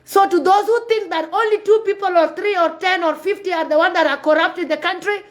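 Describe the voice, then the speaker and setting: Very high-voiced, impassioned woman. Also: steady tone, fairly quick. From South Sudan. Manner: passionate, preachy, repeats her points. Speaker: social commentator on a live video. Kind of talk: impassioned live-stream commentary.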